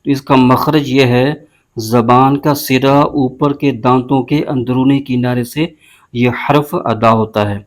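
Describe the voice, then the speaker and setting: A man teaching a recitation lesson, explaining pronunciation rules and spelling out syllables slowly and deliberately. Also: medium pitch, fairly even intonation. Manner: slow, drawn-out spelling of syllables between brisk explanations. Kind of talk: word-by-word tajweed lesson.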